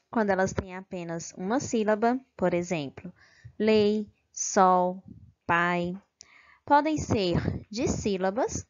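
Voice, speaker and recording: A woman teacher giving a slow, careful grammar review lesson, stressing syllables and checking in with "ok?". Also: medium pitch. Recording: dull lo-fi recording.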